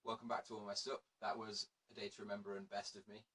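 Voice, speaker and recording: A man's voice: lowish voice, flat delivery, quick pace, heavy background noise. A man hosting a casual show, chatty and laughing, often correcting himself. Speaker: radio show host. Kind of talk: casual chat.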